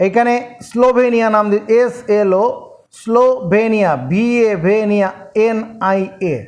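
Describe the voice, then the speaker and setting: A male teacher giving a classroom geography lesson, speaking slowly and repetitively, spelling place names letter by letter and drilling the class. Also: high-pitched, steady tone, a little mellow.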